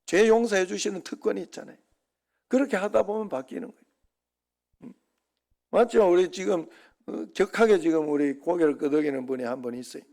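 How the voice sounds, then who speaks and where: Male pastor, sermon, conversational, rhetorical asides, slightly high voice. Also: fairly quick, creaky, long pauses, a little mellow.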